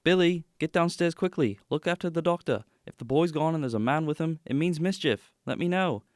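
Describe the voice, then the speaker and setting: A man playing Sherlock Holmes, a self-assured gentleman detective, with dry, clipped, wry delivery in a radio drama. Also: a little high, expressive, brisk, no room sound, natural voice. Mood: urgent.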